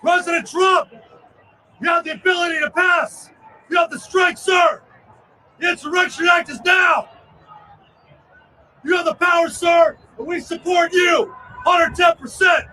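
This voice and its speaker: Man shouting high and bright outdoors. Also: steady tone, measured pace, pauses often. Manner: shouting slogans in short bursts. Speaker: rally speaker, veterans' group organizer. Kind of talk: impassioned protest speech. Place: outdoors at an urban rally. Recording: distant outdoor recording with crowd noise. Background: crowd and street noise.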